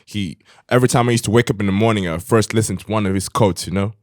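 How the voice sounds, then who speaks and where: A man co-hosting a casual podcast chat, talking in an animated way and reading viewer comments aloud. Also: fairly low pitch, fast, no echo, studio quality. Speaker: podcast co-host.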